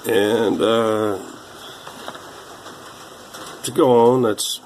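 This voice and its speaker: A man in his sixties, rambling slowly through old papers, halting with many fillers. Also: on the low side, steady tone, darkish tone, a little hiss or hum, poor audio. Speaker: vlogger.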